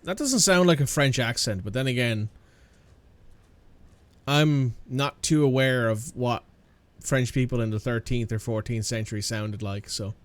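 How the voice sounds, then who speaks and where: A man's voice: medium pitch, unhurried. A man casually commentating while playing a video game, sarcastic and swearing freely. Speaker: gaming channel host. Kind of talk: let's play commentary.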